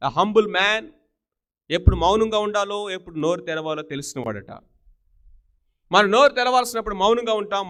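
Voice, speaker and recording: A man's voice: sits high, pushed and bright. A man preaching a sermon, asking his listeners rhetorical questions and mixing English words into his talk.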